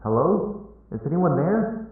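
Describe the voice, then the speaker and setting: A stout, friendly customer with a folksy way of talking, as a deep-voiced narrator puts him on, his voice pitched well above the storyteller's own. He sounds concerned and easygoing, calling everyone pal. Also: sing-song, moderate pace, no echo, phone-quality sound. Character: stout, friendly, chatty male store customer.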